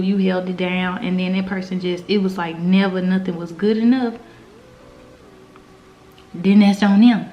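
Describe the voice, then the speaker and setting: An American woman hosting a mukbang, giving earnest, informal, slangy advice in casual girl talk while she eats. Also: medium pitch. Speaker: mukbang host. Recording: slightly dull, lo-fi sound.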